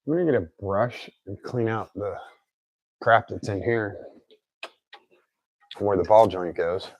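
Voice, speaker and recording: Guy talking thru a diy car fix, kinda low voice, words a bit off like his mouth is healing, dry sound. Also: measured pace, no room sound, poor audio. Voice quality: slightly off articulation after recent oral surgery. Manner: informal, thinking aloud while working. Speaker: DIY car repair presenter. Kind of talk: casual hands-on tutorial narration.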